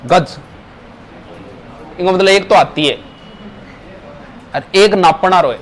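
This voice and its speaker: A man's voice: high-pitched, takes it slowly. A male teacher, giving a grammar lesson to a class, asking questions and stressing words.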